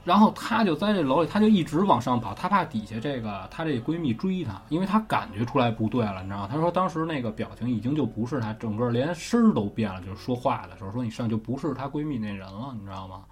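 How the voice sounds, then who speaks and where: A man's voice: mid-range voice, animated, quick pace, hardly any pauses. Chatty Beijing man telling ghost stories. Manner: chatty, swears casually, keeps checking with listener. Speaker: host. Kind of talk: casual storytelling of ghost tales.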